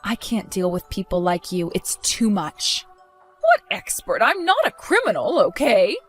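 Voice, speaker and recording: A woman's voice: mid-range voice, huge pitch swings, measured pace, soft background music. A woman voicing a spiteful older mother-in-law in a dramatized story, protesting indignantly.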